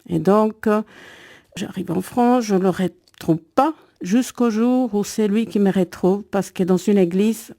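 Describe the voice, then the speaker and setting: Woman, middle-aged, low and warm, telling a personal testimony. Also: no echo, studio quality. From El Salvador. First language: Spanish. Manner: earnest, reflective, storytelling with pauses. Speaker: guest giving a faith testimony.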